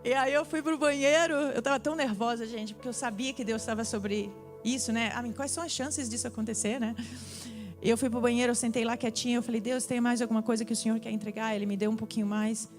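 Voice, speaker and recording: A woman's voice: a little high, fairly quick, faint music behind. A young woman, sharing a personal testimony in a sermon and acting out the dialogue as she goes. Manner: animated storytelling, acts out dialogue. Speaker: preacher. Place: church.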